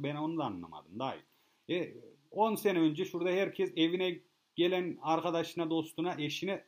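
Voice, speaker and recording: A man telling a rambling, boastful comic story straight to his listeners, swearing freely and repeating himself as he goes. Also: mid-range voice. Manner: boastful, profane, rambling, addresses listeners as kids. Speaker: comedic monologue host. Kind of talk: casual rambling comic rant.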